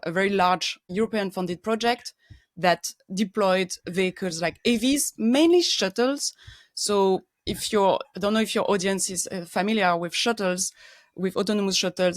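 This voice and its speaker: A woman's voice: lowish voice, no echo. A middle-aged woman with a French accent, a guest engineer explaining her work in a casual podcast interview, searching for words with frequent ums.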